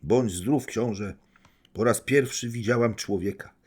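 A man's voice: fairly low pitch, a little slow, a little mellow, slightly rough, voice pushed up. A man voicing a proud, scornful young woman. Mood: imperious. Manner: imperious, scornful, commanding. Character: proud, reckless young society woman, defiant and mocking.

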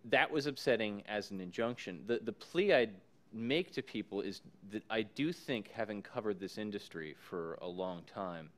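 A low-voiced man gives panel discussion remarks in a conference room through a podium microphone. His intonation is lively, and his manner is measured and thoughtful, with frequent ums.

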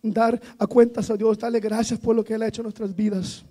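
A man preaching a Pentecostal sermon in church, building from quiet storytelling to shouted praise. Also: high voice, level tone, fairly quick.

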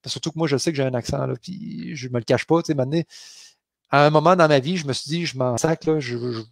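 An author in his forties from the Beauce region of Quebec, with a Québécois accent, hosts a casual live Q&A from his home office on a headset mic, full of fillers and restarts. His mid-range voice is quick and creaky, in a dry, clean studio-quality recording.

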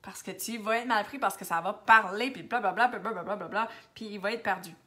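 A bright, clear-voiced woman with an Acadian French accent hosts a casual live stream. She chats easily, answers viewers one by one and sometimes drops to a near-whisper before coming back to full voice. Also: mid-range voice, fairly quick. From New Brunswick, Canada. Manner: chatty, switches to English, drops to near-whispers now and then. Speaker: makeup seller hosting a Facebook live.

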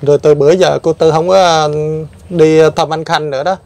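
A man who interviews an old woman gently and patiently, repeating his questions. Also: on the high side, fairly even intonation, normal speed, gravelly, no room sound. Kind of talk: casual interview.

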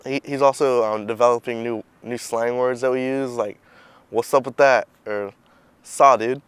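Young man, relaxed interviewee, very crisp voice, dry close sound. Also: medium pitch, normal speed, dry recording. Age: young adult. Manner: amused, relaxed. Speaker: friend of the subject. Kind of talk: interview answers.

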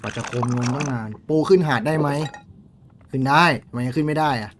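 A young man streaming a game live, chatting with viewers in a crude, swearing, excitable way. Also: a little high, brisk, slight background noise.

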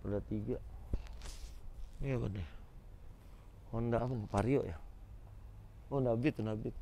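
A man's voice: mid-range voice, normal speed, warm tone, a little hiss or hum. A man gives informal, exclamatory walk-around commentary as a vlog host, addressing viewers directly. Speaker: host of a used car auction vlog. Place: outdoors in a car lot.

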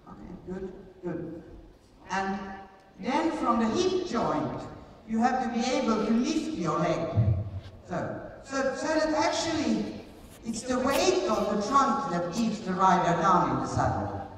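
At a live clinic in a spacious indoor riding arena, a middle-aged coach gives hands-on explanations and demonstrations, repeating short commands. Her slightly high voice is very animated yet unhurried. A faraway audience camera captures distant, very reverberant sound with background noise.

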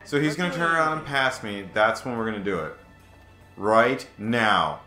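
A man narrating his moves in a co-op game, focused on the play. His voice rises and falls in a lively way. It sounds roomy and echoey, with game music playing behind. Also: fairly low pitch, moderate pace. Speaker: let's-play co-host. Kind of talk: co-op gameplay commentary. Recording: echoey room.

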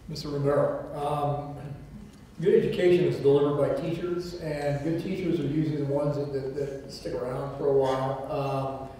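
A man's voice: on the high side, level tone, normal speed, mellow, slight background noise. Hesitant man asking a question in a hall. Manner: hesitant, with fillers. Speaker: media questioner. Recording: echoey hall heard from far off.

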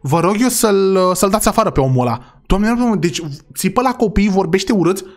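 A man with a fairly high voice plays the dad in a role-play game. He talks excitably and keeps exclaiming "God forgive me". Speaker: gamer playing a father.

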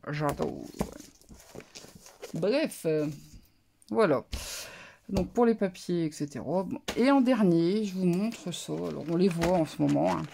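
Low, gravelly-voiced woman vlogger. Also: mellow, a little hiss or hum. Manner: hesitant, musing, many fillers. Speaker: craft vlogger. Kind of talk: casual show-and-tell haul.

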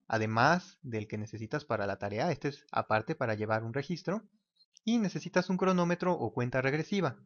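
Male teacher, casual sketch-as-you-go explainer, muffled lo-fi audio. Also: mid-range voice. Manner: casual, talks while drawing, mimics ticking clock. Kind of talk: whiteboard explainer lesson. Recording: dull lo-fi recording.

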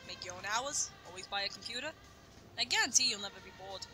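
A woman voicing a sarcastic female online reviewer character who lectures with quick wit. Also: mid-range voice, expressive, music in the background, lightly acted. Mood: smug.

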